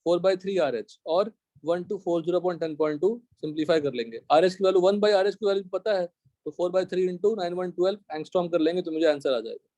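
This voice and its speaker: High-voiced Indian man teaching chemistry. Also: mellow, no echo. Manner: explains step by step, checks the class often; dictates slowly in English. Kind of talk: live classroom lecture.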